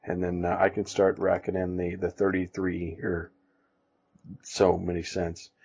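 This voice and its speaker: A man co-hosting a casual podcast, talking in halting, self-deprecating stops and restarts. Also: low-pitched, completely flat delivery, vocal fry, a little mellow. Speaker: podcast co-host and comic artist. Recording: dull lo-fi sound.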